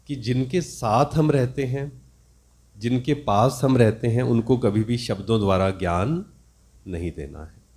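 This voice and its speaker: A man's voice: mid-range voice, darkish tone. A man giving a spiritual discourse, teaching reflectively and asking his listeners questions.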